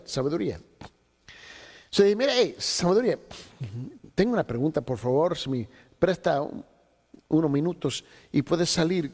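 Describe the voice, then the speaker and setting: A man's voice: a little high, a little mellow. A man teaching a theology class to pastors, telling a story with acted-out dialogue and slipping in English words. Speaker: theology instructor. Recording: long hall reverb.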